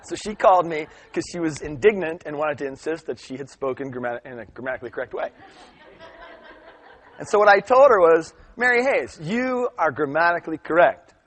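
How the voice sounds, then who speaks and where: Animated man teaching grammar live. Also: a little high, brisk, some chatter behind. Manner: animated storytelling, acts out quoted voices. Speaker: grammar teacher leading a workshop. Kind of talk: live workshop talk. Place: live workshop room.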